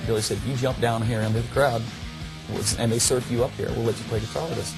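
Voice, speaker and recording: A rock band member telling a concert story in a relaxed, halting way. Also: male voice, mid-range voice, low-quality recording. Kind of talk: anecdote told in an interview. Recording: interview with music playing behind.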